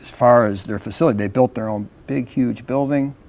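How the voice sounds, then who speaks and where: An American man in a casual panel talk, explaining things in a halting way as an advocate on a community show. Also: medium pitch, darkish tone, slight background noise.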